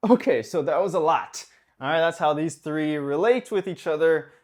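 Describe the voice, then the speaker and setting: A man's voice: a little high, moderate pace. Casual man coaching, tags lines with "okay?". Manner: conversational, full of "okay?" and "right?" tags; acts out little quoted exchanges. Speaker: dating coach. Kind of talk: casual advice monologue.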